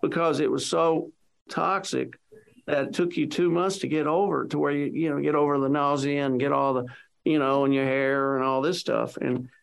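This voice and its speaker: A man's voice: fairly high pitch, flat delivery, normal speed, vocal fry, smooth. A man being interviewed, telling a long personal story in a rambling way, full of "you know" fillers, and acting out what other people said. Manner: acts out quoted speech of others.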